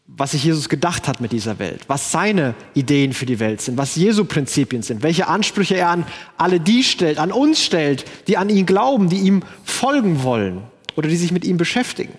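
A man preaching a sermon, slowing down to quote scripture and rising into rhetorical questions. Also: a little high, long reverb tail.

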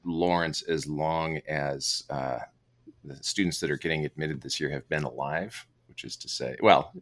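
Deep-voiced good-humored male guest. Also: normal speed, a bit bright. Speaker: podcast guest, admissions leader. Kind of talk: casual podcast interview.

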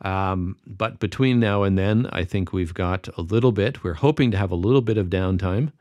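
A man's voice: deep voice, normal speed, darkish tone, no room sound, lo-fi sound. A tired man co-hosting a podcast, chatting casually and rambling with lots of fillers. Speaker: podcast co-host. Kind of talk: casual chat.

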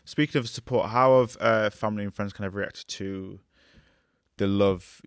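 Male interviewer, British accent, fairly low voice, dry recording, informal and chatty questioning. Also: steady tone, moderate pace, smooth, dry recording. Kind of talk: casual interview.

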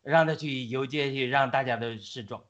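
A man's voice: medium pitch, moderate pace, fairly bright tone, muffled recording, lightly acted. A man voicing a gloating arrogant minister. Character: proud scheming court minister.

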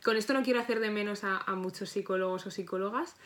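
A woman's voice: mid-range voice, fast talker, a bit bright, a little hiss or hum. Chatty young woman psychologist. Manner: chatty, reflective, self-correcting. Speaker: psychologist guest. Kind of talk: casual podcast interview.

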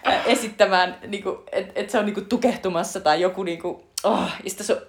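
A woman's voice: mid-range voice, a little hiss or hum. A woman in casual chat, eagerly retelling film scenes with many fillers. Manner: chatty retelling full of fillers, breaks into laughter. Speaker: podcast co-host discussing a film.

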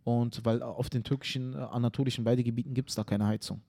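Animated male podcast storyteller. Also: medium pitch, fast talker, gravelly. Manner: animated storyteller, tag questions, acts out scenes. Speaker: podcast co-host, comedian. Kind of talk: casual chat.

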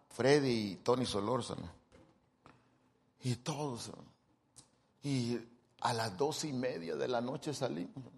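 Jokey preacher man in a reverberant hall. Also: mid-range voice. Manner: jokey, animated, acts out quoted people. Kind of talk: humorous sermon. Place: church hall. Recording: long church-hall reverb.

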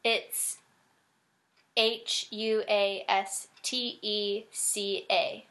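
A woman's voice: medium pitch, level tone, drawn-out words, fairly bright tone. A young woman co-hosting a podcast in casual chat, chatty and giggly, sometimes tripping over her words. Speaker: podcast co-host.

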